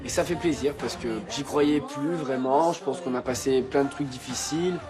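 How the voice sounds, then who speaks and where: A man's voice: medium pitch, moderate pace. A young man speaking casually in a reality show confessional. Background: music bed.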